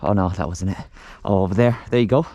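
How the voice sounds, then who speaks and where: A man with a low, mellow voice talks fast as he casually narrates hands-on home renovation, thinking aloud unscripted as he works. He hosts a home renovation vlog, and the home recording is noisy with clicks.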